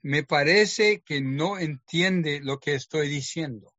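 Slow-speaking man telling a testimony. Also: on the high side, pushed and bright, no room sound. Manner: storytelling, acts out quoted dialogue. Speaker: preacher. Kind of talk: sermon with personal testimony.

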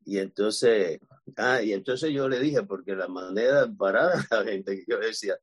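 A man preaching a personal testimony to his congregation, telling it as a lively story and acting out the lines he quotes. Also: fairly low pitch, moderate pace, husky.

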